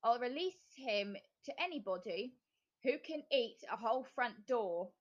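A bossy, cackling witch who sets the rules and gloats, as a woman puts her on. Her voice sits high and slow in a storybook reading. The sound is dull and lo-fi. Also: expressive. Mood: haughty. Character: scheming, spiteful female witch who cackles.

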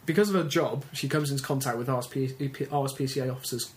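A man's voice: mid-range voice, fast, slight background noise. An English man co-hosting a casual comic chat, often stumbling and restarting his sentences. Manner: hesitant, stammering restarts. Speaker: podcast co-host.

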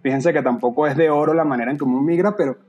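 A husky-voiced young Venezuelan man with a Venezuelan accent chats on a podcast. He talks at length, earnest and open, with a faint bed of music under him. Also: a little high, racing, a little mellow, muffled recording. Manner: talkative, earnest, slips into playful voices. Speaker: podcast guest. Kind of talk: casual podcast chat.

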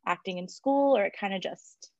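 A woman hosts a casual podcast in a mid-pitched voice. She talks in a chatty, encouraging way and laughs often. Her call audio sounds dry and somewhat dull. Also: moderate pace, no room sound. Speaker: podcast host.

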